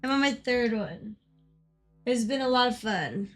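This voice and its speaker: A woman with a hoarse voice, chatting casually and excitably on a game stream, repeating phrases as she goes. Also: on the high side, unhurried, soft background music. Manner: swears casually. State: hoarse from coughing. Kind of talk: casual live-stream chat.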